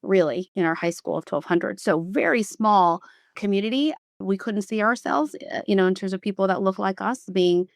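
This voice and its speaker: A woman in her fifties with a Southern US accent talks in a measured, reflective way, often pausing and restarting her sentences. Her voice is smooth and clear, with mid-range pitch, recorded close and dry with no room sound. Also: dry recording. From South Carolina, US. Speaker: guest executive. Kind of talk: podcast interview.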